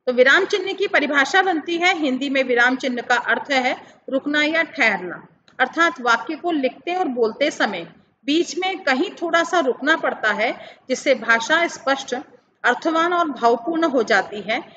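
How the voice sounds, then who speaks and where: A woman teacher explaining grammar to children, talking them slowly through examples. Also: high-pitched, animated, pushed and bright. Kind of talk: classroom lesson explanation. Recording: dull lo-fi sound with faint background noise.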